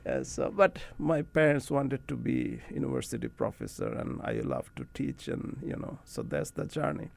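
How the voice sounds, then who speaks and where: A middle-aged man from Bangladesh with a Bangladeshi accent, a guest in a radio studio interview, telling rambling, relaxed stories and often laughing. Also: medium pitch, moderate pace, creaky, few pauses. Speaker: guest academic. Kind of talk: casual interview talk.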